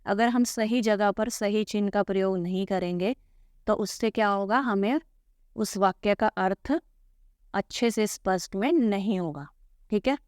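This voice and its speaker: Her mid-range voice is a little mellow with a clean tone, recorded dry with clean studio sound. She's teaching a school Hindi lesson, patiently explaining textbook answers and repeating "ठीक है" ("theek hai") often.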